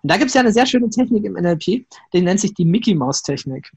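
Male interview guest, flirting coach, husky tone, animated storyteller. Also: high voice, quick pace. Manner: lively storyteller, acts out inner voices, frequent "ne?". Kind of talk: conversational interview.

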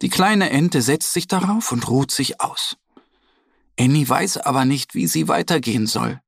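Guy reading a kids story, slow and super expressive, breathy soft voice, dry close sound. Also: medium pitch, no echo. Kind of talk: children's story narration.

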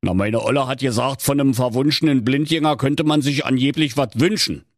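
A man's voice: mid-range voice, brisk, no echo, studio quality, voice pushed up, close to an everyday voice. A man voicing a good-natured, henpecked excavator driver who pleads and grumbles about his wife. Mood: explaining. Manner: pleading, exasperated, rhyming chants. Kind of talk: comic fairy tale reading.

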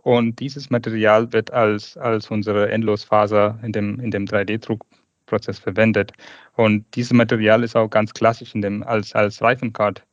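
A man's voice: lowish voice, little pitch movement, moderate pace, no room sound. A man, speaking hesitantly as a guest in a podcast interview over an internet call. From South India. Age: late 30s. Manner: hesitant, searching for words in a second language. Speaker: guest researcher. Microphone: video call. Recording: dull, dry internet call.

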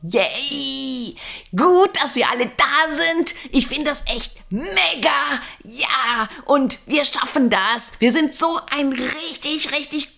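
A pushy, overexcited cheerleader of a woman, as a woman puts her on, blasting out hype with far too much pressure. The voice is high and strained, with a creaky rasp. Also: expressive, slow, heavily acted. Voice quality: loud, overpressured, strained. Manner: aggressive hype.

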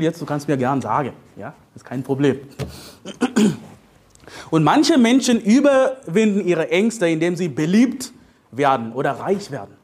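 Husky-voiced man preaching playfully. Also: high-pitched. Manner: playful, joking, animated sermon delivery with frequent "ja?". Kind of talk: sermon.

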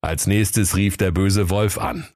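A man narrates a children's storybook tale with playful relish. His voice sits low, and the recording is close and dry with no room sound. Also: steady tone, takes it slowly, darkish tone, dry recording.

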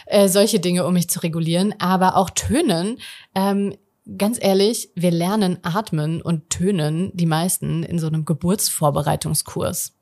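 A woman in her thirties, a guest in a conversational interview, explaining parenting calmly and acting out everyday family dialogue. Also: fairly low pitch, moderate pace.

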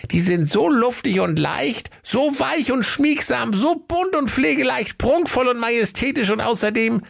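A man doing a squeaky, cocky con-man shopkeeper. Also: animated, gravelly, heavily acted. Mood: salesy. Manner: cocky, fast-talking salesman patter. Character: cheeky crooked young shopkeeper, male.

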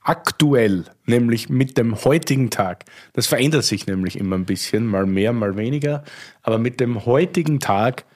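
A man's voice: medium pitch, expressive, moderate pace, a little mellow. A man hosting a wine podcast, chatting casually and heaping praise on his guest. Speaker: podcast host. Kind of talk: casual chat.

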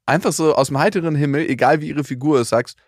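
A man in his thirties co-hosting a podcast in casual chat, an animated storyteller who laughs a lot and acts out dialogue. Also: fairly high pitch, fast, dry recording, studio quality. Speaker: podcast co-host.

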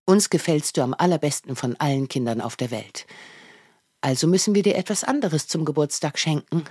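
A woman voicing a kindly father of a young boy, speaking calmly and reassuringly. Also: deep voice, fairly quick, husky, no room sound, clean studio sound. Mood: gentle, soothing. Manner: calm, soothing, reassuring.

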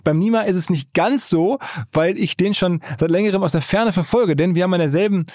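A man hosts a podcast in a rather high voice, talking quickly and chattily as he introduces a guest and asks questions. The sound is dry and up close. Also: a little mellow, no echo. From Hamburg. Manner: brisk and chatty. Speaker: podcast host.

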